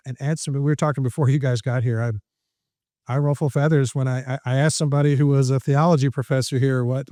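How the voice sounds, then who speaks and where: Male motivational speaker as podcast guest: mid-pitched, animated, quick to joke, close and dry. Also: no room sound. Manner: lively, jokey, laughs at his own lines. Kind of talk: animated storytelling in conversation.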